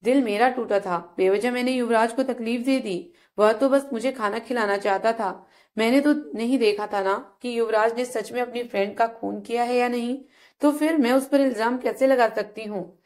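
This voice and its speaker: A young wife with a fierce temper, played by a woman storyteller in a told family drama. She scolds in short, harsh commands. Her voice is fairly high. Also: moderate pace, a little mellow, natural voice. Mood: remorseful. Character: young wife, sharp-tempered, later remorseful.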